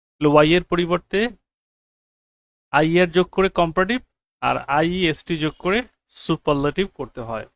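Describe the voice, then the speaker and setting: A man lectures on English grammar in a slightly raised voice. He says the key phrases over and over for emphasis and keeps checking that his students understand. The sound is dry and close, with no room echo. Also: fairly high pitch. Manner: quizzes students with rhetorical checks. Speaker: English teacher.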